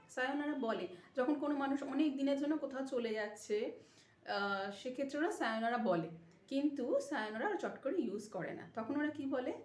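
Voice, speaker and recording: A woman teaching a casual language lesson, explaining step by step and repeating phrases slowly. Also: a little high. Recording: echoey room with faint noise.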